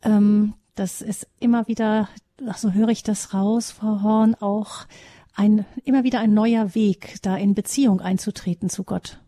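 Calm woman host with a dark voice. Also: medium pitch, measured pace, no room sound. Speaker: interviewer, host. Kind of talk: reflective interview summary.

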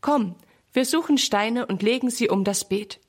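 A woman voicing an eager, impatient little boy in a storybook reading, lifting her voice higher. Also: moderate pace, slightly rough. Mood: worried.

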